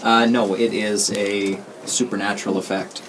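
A man's voice: lowish voice, level tone, normal speed. A man narrating a tabletop game as its game master, giving easygoing rulings. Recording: noisy recording.

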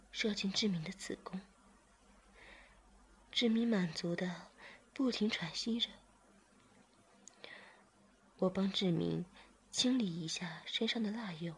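A woman reading an adult story aloud in whispered role-play, hushed and unhurried. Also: mid-range voice, a little hiss or hum.

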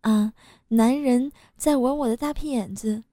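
A woman reading a first-person story in an earthy, matter-of-fact tone. Her voice sits a little high but sounds mellow and dark, with a dry, close sound and no room around it. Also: unhurried, no echo. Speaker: story reader. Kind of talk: scripted first-person narration.

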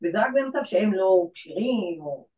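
Heard from a distance in an echoey room, a woman in legal aid tells a story during a casual chat. Her mid-range voice is animated, and she acts out the voices of the people involved.

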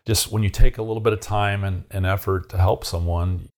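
A man's voice: low-pitched, steady tone, fairly quick, a little mellow. A man from Arizona casually recalling his past in a rambling way, with many fillers and restarts. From Arizona, USA. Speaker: interviewee. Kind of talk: casual recollection.

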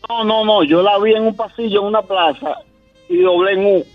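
A man, a guest on a radio show, telling a personal story in a halting way with repeated words. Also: sits high, fairly even intonation, phone-quality sound, soft background music.

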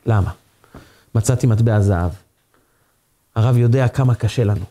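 A man's voice: mid-range voice, warm tone, close to an everyday voice. A man voicing a poor, earnest young boy who pleads in heartbreak as he tells a story. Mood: anguished.

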